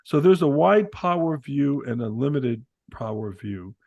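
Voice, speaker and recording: A man co-hosting a casual political podcast, animated and joking as he reads old quotes aloud. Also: medium pitch, measured pace, gravelly, no echo, dull audio. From Italian-American. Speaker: podcast co-host. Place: Arizona.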